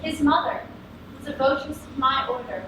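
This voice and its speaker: A woman's voice: high-pitched, steady tone, moderate pace, natural voice. A woman playing a proud, angry fairy queen in hammy, theatrical Shakespearean stage style. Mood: firm pride. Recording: distant echoey stage capture with faint noise.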